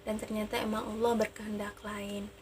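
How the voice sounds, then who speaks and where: A woman's voice: medium pitch, level tone, normal speed, noisy background. A woman vlogger telling a personal story into a phone mic in an emotional, sorrowful way, often addressing her viewers as guys. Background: background music.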